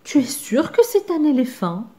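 A woman's voice: sits high, very animated, moderate pace, warm tone, pitched above the performer's own voice. A woman voicing a chatty, eager young female frog in a children's story, chirpy in tone. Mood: puzzled. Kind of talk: storybook character voice.

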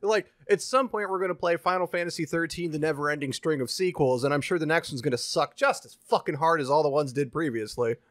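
A man's voice: on the high side, fast talker, few pauses, no echo, clean studio sound. A man co-hosting a game podcast, talking in loose, swearing banter. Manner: animated, swearing, rambling banter. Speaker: podcast co-host. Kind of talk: casual chat.

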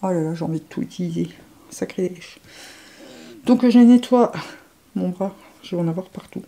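Woman, beauty vlogger, excitable, gushing, hushed murmurs, gravelly, low-pitched. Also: normal speed. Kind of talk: makeup swatch commentary.

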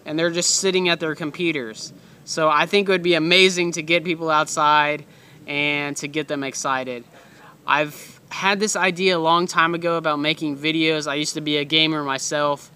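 A man's voice: a little high, fairly even intonation, moderate pace, bright, forceful tone, clean tone. A young man chatting casually to his phone camera while walking by a road, out of breath and rambling. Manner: chatty, rambling, self-deprecating. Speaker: vlogger. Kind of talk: casual vlog talk to camera. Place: outdoors by a busy road.

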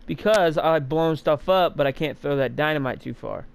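An excitable man chats while gaming with a friend, often shouting and laughing. His voice sits on the high side with a gravelly edge. He talks loosely and reacts loudly. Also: normal speed. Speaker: gamer. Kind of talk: casual gaming chat.

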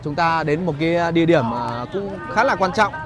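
A man giving a casual walking vlog commentary as a guide, pausing often on fillers as he talks to viewers. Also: fairly high pitch, animated, crowd noise. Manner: hesitant phrasing with frequent filler pauses. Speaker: market vlogger and guide. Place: outdoors in a busy rural street market. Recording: noisy outdoor market street ambience. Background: market bustle and vehicles.

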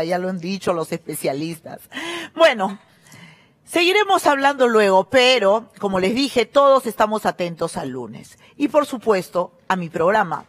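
A middle-aged woman, hosting a gossip show and commenting in an emphatic, scornful way. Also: medium pitch. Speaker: TV show host.

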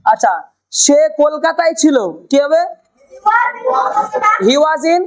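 A woman with a high voice runs a spoken English lesson. She asks the same question again and again and slows down on the key phrases for her learners to repeat. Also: a little mellow, poor audio. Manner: drills learners with repeated questions and slow prompts. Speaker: English teacher.

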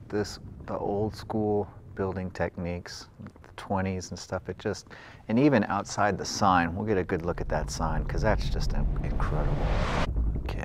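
A travel vlogger with a low voice strolls around an old airport site outdoors, relaxed and pointing things out as he goes in casual exploring commentary. The background is noisy.

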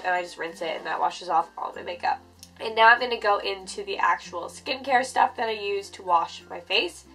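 A young woman talks to camera in a casual, chatty vlog style. Her nose sounds blocked by a cold, and her voice sits at a medium pitch for a woman. She comes across as informal and a little self-deprecating. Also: fairly bright tone, poor audio. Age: 20s. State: congested, stuffy nose from a cold. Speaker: beauty vlogger. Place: furnished bedroom, indoors.

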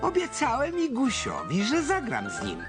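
Bouncy cartoon critter, wild pitch swings. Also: male voice, moderate pace, heavily acted. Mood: bossy. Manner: excitable, swooping, laughing. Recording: cartoon music behind.

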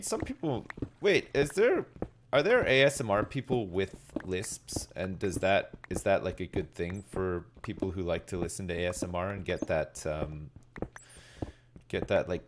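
A man's voice: low voice, expressive, moderate pace, background noise. A middle-aged man giving rambling, laid-back, sweary commentary as he streams a game and chats with viewers. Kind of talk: casual live gaming commentary, chatting with viewers. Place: indoors at a desk, streaming.

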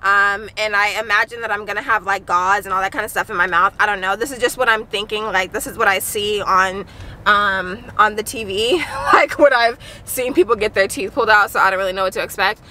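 A woman's voice: mid-range voice, a little fast, bright, forceful tone, slight background noise. A woman in her thirties chatting casually and nervously to viewers on a handheld camera, candid and talkative. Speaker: family vlogger. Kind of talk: casual vlog chat to viewers. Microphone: handheld camera at arm's length.

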